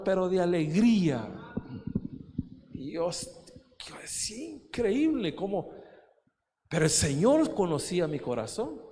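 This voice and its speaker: A male pastor preaching in a fairly high voice, his words ringing out under a long church reverb. He talks with feeling, repeats his phrases, and keeps calling his listeners brother. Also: darkish tone. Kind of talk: sermon. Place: church sanctuary.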